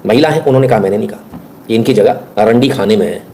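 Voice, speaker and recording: A man's voice: on the low side, quick pace, warm tone, a little hiss or hum. A man giving scornful, blunt reaction commentary on viral videos, ranting with mocking asides.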